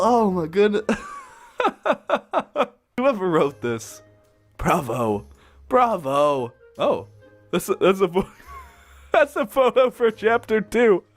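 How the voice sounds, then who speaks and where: A man with a high, light voice reads fan fiction aloud, constantly interrupting himself with giddy asides and laughter. Soft music plays quietly underneath. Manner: excitable, laughs often, gushing asides. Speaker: YouTuber reading fan fiction.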